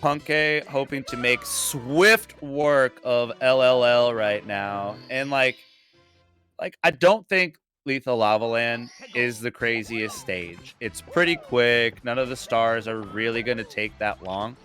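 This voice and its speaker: A man's voice: mid-range voice, takes it slowly, sharp tone, faint music behind. Laid-back slangy young male commentator. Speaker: speedrun commentator. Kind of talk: casual live game commentary.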